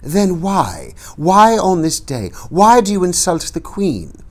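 A man voicing an ancient, bent old woman who hurls a shrill, shouting tirade of accusations. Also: wildly swooping pitch, slow pace, heavily acted. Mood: furious.

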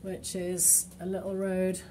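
A woman with a fairly low, monotone, mellow voice speaks unhurriedly, with a little hiss or hum underneath. She's an estate agent filming on a handheld phone as she walks through an empty, run-down townhouse, pointing out its features in a practical, matter-of-fact way. The bare rooms echo, and there's faint ambience.

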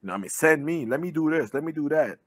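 A man's voice: on the high side, lively intonation, rapid-fire, no echo. A man, talking loosely over a video call as an interview guest, with plenty of fillers and swearing. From born in Jamaica, raised in Brooklyn. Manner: loose, conversational, swears freely, many fillers. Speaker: guest, army veteran and pro boxer. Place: living room indoors. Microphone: webcam with earbuds.

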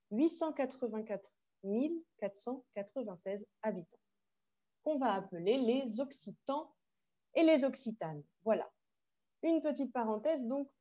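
A French woman teaching a French class online, explaining slowly and carefully with asides in Spanish. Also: on the high side, mellow, lo-fi sound. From France. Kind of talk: online language workshop. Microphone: video call.

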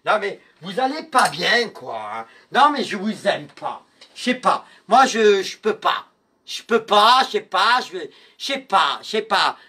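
A man hosting a live-stream clothing sale, theatrically teasing and mock-insulting his viewers by name, swinging between muttering and shouting. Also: sits high, very animated, a little slow, slightly rough. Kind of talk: live-selling stream chat.

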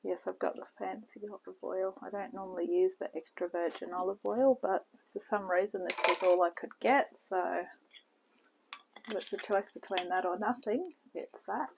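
A woman giving a relaxed, step-by-step cooking demonstration in her home kitchen, talking toward a camera on the counter. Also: medium pitch, gravelly. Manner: slow, relaxed step-by-step instructions with frequent "okay". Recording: noisy home video with kitchen clatter.

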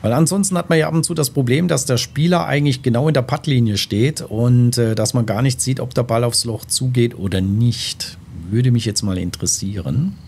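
A man's voice: mid-range voice, fairly quick, creaky, few pauses, a little mellow. A man giving casual let's-play commentary, thinking aloud and deliberating to himself as he plays. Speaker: gaming host. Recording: faint background game noise. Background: golf game ambience.

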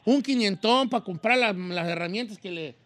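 A man's voice: sits high, normal speed, a bit bright, no echo. A man with a Mexican accent hosting a comic radio show, wailing theatrically and joking with his co-hosts. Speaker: radio host.

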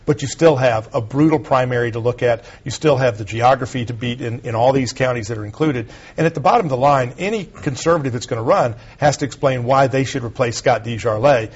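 A man makes his political case at a quick clip, firm and assertive. His voice has a husky edge, and the sound is muffled like an old broadcast. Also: medium pitch. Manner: quick, assertive partisan analysis. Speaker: conservative talk show host, panelist. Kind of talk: political panel discussion.

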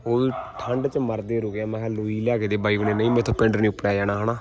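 A man's voice: lowish voice, flat delivery, fast. Earthy Punjabi man vlogging, noisy background. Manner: earthy, colloquial, swears casually. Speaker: vlogger, pigeon keeper. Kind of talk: casual rambling vlog to viewers. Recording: clear background noise with birds.

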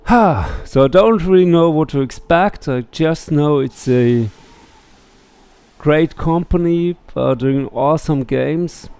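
Speaking slowly in a slightly high, somewhat mellow voice that is clear and resonant, a middle-aged man does casual let's play commentary and reads on-screen game text aloud. He records on a headset mic in a small room at home, with no room sound and faint game music underneath.

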